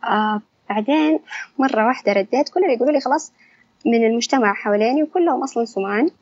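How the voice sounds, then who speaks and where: A young woman tells her story at a rapid clip, her voice set a little high. The sound is dry and close, yet slightly dull and muffled. She talks candidly and with animation. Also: a little mellow, no room sound. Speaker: guest. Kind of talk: personal story in an interview.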